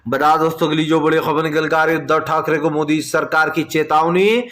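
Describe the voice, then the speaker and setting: A man's voice: a little high, little pitch movement, fairly quick, fairly bright tone. A man delivering opinionated political news commentary, addressing viewers directly as friends in an argumentative, insistent way.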